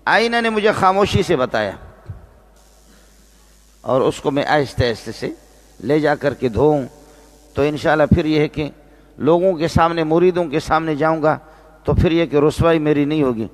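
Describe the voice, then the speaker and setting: A man preaching a religious sermon, repeating phrases and slowing down to stress key words. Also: a little high. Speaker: Islamic preacher and teacher. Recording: long reverb of a large hall.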